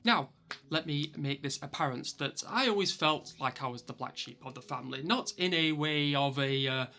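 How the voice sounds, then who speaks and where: A man's voice: fairly high pitch, normal speed, pushed and bright. A man in his thirties with a broad Yorkshire accent narrates a personal vlog to viewers, with wry, self-deprecating asides. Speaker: YouTube vlogger.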